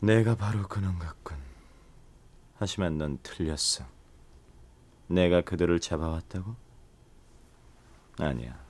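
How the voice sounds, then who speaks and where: Very deep, weary dark lord. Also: male voice, measured pace, pauses often. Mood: cold, dismissive. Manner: dark-lord delivery, languid and brooding. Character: weary, aloof, gloomy handsome male demon lord. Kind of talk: dramatised audio drama acting.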